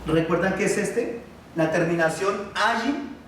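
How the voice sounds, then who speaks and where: A man teaching a Biblical Hebrew class, patiently asking his students questions and pausing on fillers. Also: high voice, fairly bright tone, distant mic, a little hiss or hum. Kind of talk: classroom lesson. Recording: echoey room, voice from afar.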